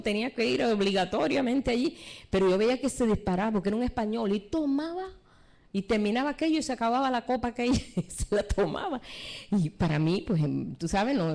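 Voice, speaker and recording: A woman teaching a church seminar live, preaching with rhetorical questions and retelling stories from her own life. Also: mid-range voice. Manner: animated preaching with rhetorical questions and retold anecdotes. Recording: live stream recording.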